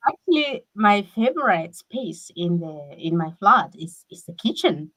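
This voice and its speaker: A woman from Kenya, talking as a guest in a casual conversation over a video call. She speaks haltingly and restarts her sentences often. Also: lowish voice, big pitch swings, fairly bright tone, rough recording. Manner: halting, with many repeated restarts.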